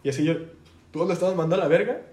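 A man's voice: on the high side, rapid-fire, darkish tone. A young man with a Mexican accent, co-hosting a podcast, telling crude joking stories and mimicking others. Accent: Mexican Spanish. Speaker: podcast co-host. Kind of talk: casual crude storytelling. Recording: echoey room, faint noise.

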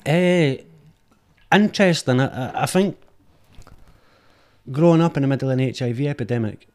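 Here the Edinburgh-born film director, middle-aged and appearing as a guest, talks at an ordinary speed in a mid-range voice with lively intonation. The conversation is frank and thoughtful, and he tends to repeat words as he gropes for them. A dynamic studio mic captures him.

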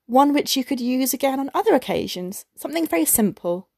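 A woman's voice: high-pitched, lively intonation, a little fast, creaky, a little mellow, husky, no room sound, voice pushed up, full character voice. Eager-to-please husband, voiced by a woman storyteller, stammering and coaxing, dry close sound. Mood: pleading. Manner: stammering, pleading. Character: anxious, eager-to-please clerk husband, male.

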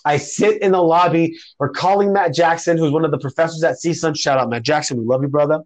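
Animated young man telling a story. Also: a little high, quick pace, rough recording. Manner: animated, slangy, says bro and dude. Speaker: podcast guest telling a story. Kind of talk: casual storytelling chat.

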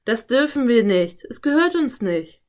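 A woman's voice: mid-range voice, lively intonation, moderate pace, close to an everyday voice. A woman voicing a cautious, bookish young boy in a storybook reading. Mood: earnest. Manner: earnest, worried exclamations.

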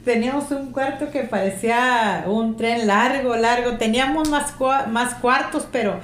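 A middle-aged woman telling her grown child about her childhood in a casual family interview, with a strong voice and a lively way of acting out remembered conversations. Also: on the high side, a little slow. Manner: animated, strong voice, acts out remembered dialogue. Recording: echoey room with faint ambient noise.

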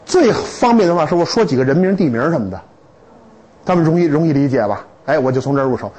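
Husky, animated male lecturer. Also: on the high side, quick pace, rough recording. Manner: animated, humorous storytelling with rhetorical questions. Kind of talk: lively classroom lecture. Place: lecture hall with students.

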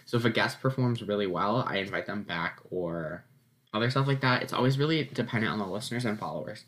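Speaking fast in a fairly low, fairly bright voice, a teenage boy runs through a casual recap on his own podcast. His upbeat chatter is sprinkled with ums and little laughs, and his nose sounds a bit blocked and sniffly.

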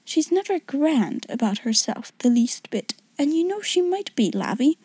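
A woman reading a story, voicing an honest, plain-spoken young schoolgirl in a soft, hushed way. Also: high voice, big pitch swings, normal speed, dry recording, pitched above the performer's own voice. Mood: frank. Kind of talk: audiobook character reading.

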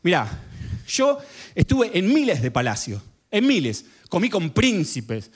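Argentine guy, pretty high voice, bragging comic monologue that ends up preaching. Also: measured pace, breathy edge. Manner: boastful, animated storytelling. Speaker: comedic preacher. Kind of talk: comedic monologue with gospel message.

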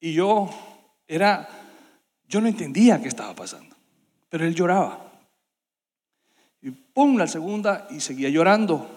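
A man with a high voice tells a story from the pulpit, animated and full of sound effects. His voice rings out in a church hall with a long reverb. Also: normal speed, pauses often. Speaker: preacher. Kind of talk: sermon storytelling.

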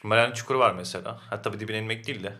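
Man, podcast guest, low voice, extremely fast, sharp and bright, teasing. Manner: teasing, rapid-fire. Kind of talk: casual podcast banter.

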